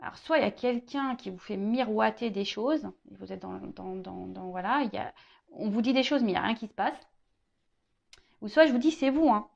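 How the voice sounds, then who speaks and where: A woman's voice: medium pitch, a little fast, vocal fry, darkish tone, highs cut off. A woman giving a casual tarot reading to her viewers, hesitant, restarting and repeating words, often tagging on little asides. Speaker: tarot card reader.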